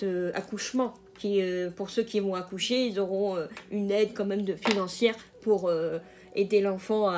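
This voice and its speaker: A woman talks through a tarot reading at an unhurried, slow pace, her pitch sitting in an ordinary middle range. She hesitates often, restarting sentences and filling gaps, and chuckles at her own jokes. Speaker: tarot card reader. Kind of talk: casual general tarot reading.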